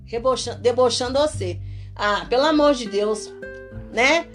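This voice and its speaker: High-voiced mineira woman, animated faith chat. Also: moderate pace, faint music behind. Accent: Mineiro Brazilian Portuguese. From Minas Gerais, Brazil. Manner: animated, laughing, mimics pleading prayers.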